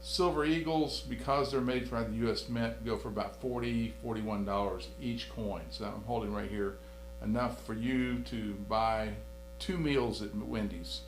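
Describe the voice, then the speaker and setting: A man's voice: mid-range voice, normal speed, reverberant, slight background noise. A man hosting a casual studio chat, rambling a little, repeating himself and joking around. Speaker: host.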